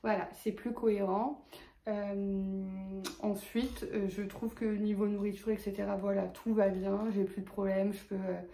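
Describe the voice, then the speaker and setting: A woman's voice: mid-range voice, level tone, measured pace, mellow, reverberant, a little hiss or hum. A woman with a lisp on her s sounds, talking casually and hesitantly in a personal vlog update. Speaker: vlogger.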